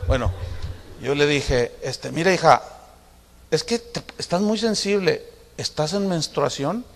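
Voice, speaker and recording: Pastor preaching in a reverberant hall. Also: male voice, a little high, a little slow, gravelly. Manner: conversational storytelling, acting out family dialogue with humor. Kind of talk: sermon.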